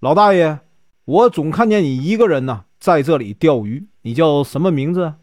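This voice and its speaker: A guy doing a cocky young woodcutter, jeering, lively up and down, northeastern accent. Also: fairly high pitch, dry recording, clean studio sound, natural voice. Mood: mocking. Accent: Northeastern Mandarin. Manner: jeering, quick to laugh and complain. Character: young male woodcutter, brash and joking.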